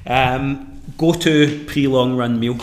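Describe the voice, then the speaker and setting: A Scottish man hosting a live podcast interview, bantering with quick quips. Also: mid-range voice, steady tone, crowd noise. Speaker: podcast host. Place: room at a live event. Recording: echoey room, faint noise.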